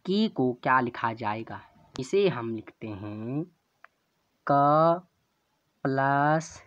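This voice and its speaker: Man teaching letters super slow, spells each sound out, dull lo-fi audio. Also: medium pitch, dry recording. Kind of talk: slow classroom explanation.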